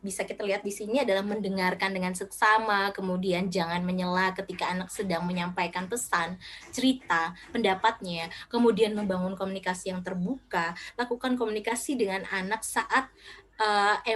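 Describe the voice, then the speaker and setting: A middle-aged woman giving a short parenting talk as a speaker, lively, acting out what parents and children say. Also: mid-range voice. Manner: lively, acts out quoted child and parent lines.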